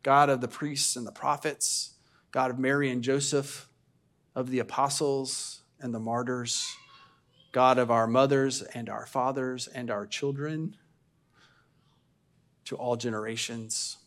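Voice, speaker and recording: A man's voice: medium pitch, fairly even intonation, a bit bright. Solemn male pastor leading worship. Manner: solemn, measured, declamatory reading and prayer. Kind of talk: sermon and communion liturgy. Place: church service.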